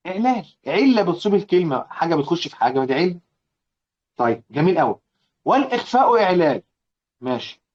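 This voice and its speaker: Fast-talking Egyptian teacher, dull recording. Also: male voice, high voice, very animated, a little mellow. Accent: Egyptian Arabic. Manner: asks and answers his own questions, repeating key points; chants quoted verses slowly. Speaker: Quran recitation teacher. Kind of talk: classroom lecture explaining a didactic poem.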